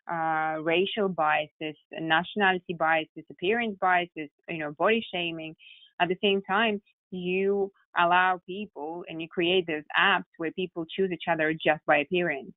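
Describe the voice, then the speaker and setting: A Russian-accented woman with a lowish voice recounts her path as a tech company founder while a guest on a podcast. The conversational interview comes through muffled and narrow, like a phone line, with no room sound.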